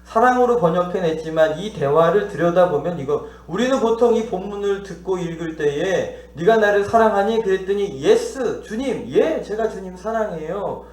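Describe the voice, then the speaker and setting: Male pastor, high-pitched, preaching with questions to the congregation and acted dialogue, in a reverberant church. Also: lively intonation, moderate pace, few pauses, a little mellow. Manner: teaching, asks the congregation questions and acts out dialogue. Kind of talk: sermon. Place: church sanctuary.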